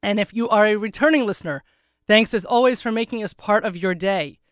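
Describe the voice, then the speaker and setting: An American woman hosting a chatty radio show in a wry, self-deprecating way, with a hoarse, congested, froggy voice that sounds swallowed. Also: medium pitch, brisk, no room sound, clean studio sound. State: congested, under the weather. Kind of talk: casual chatty radio monologue.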